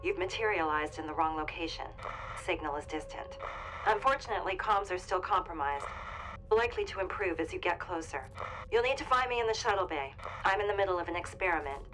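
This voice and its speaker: An actress playing a female starship captain in danger in a sci-fi video game, commanding and composed, with clipped, measured military delivery. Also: lowish voice, expressive, background noise, lightly acted. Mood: composed, businesslike. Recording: game dialogue over background music.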